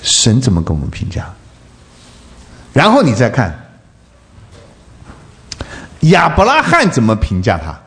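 A male preacher giving a sermon, throwing rhetorical questions at the congregation and swinging between loud bursts and soft asides. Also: mid-range voice, wildly swooping pitch, a little slow, long pauses.

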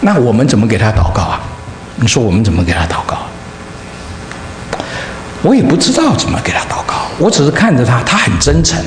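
A man pastor preaching a sermon, telling a story in an animated way that swings from loud highs to soft lows, heard in a church hall. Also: a little fast, long pauses. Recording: echoey hall, faint room noise.

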